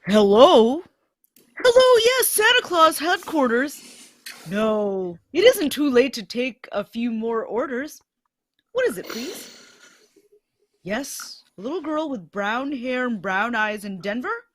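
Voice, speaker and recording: A woman's voice: fairly high pitch, very animated, slow pace, no room sound, heavily acted. A woman playing a jolly old male Santa Claus taking phone orders, cheerful and chuckling in a live radio-play reading.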